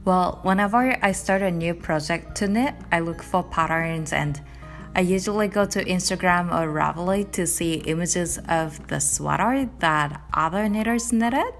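A young woman from Japan with a Japanese accent, narrating her knitting vlog in a calm, gentle, chatty way; English is not her first language. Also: on the low side, moderate pace, faint music behind. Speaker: knitting vlogger. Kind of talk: voice-over narration.

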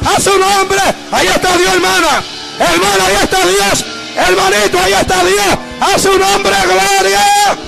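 A man's voice: very high-pitched, fairly even intonation, moderate pace, creaky, bright, forceful tone, soft background music. A male evangelist preaching at a church revival service, fervent and repetitive, calling out to the congregation. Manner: fervent, repetitive calls, bursts of speaking in tongues. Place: church service with music behind.

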